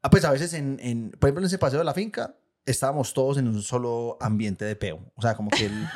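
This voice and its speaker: A young Colombian man with a Paisa accent, co-hosting a podcast, telling family stories in a lively way and laughing as he talks. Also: mid-range voice, fairly quick. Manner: animated storyteller, laughs while telling. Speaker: podcast co-host. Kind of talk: casual chat.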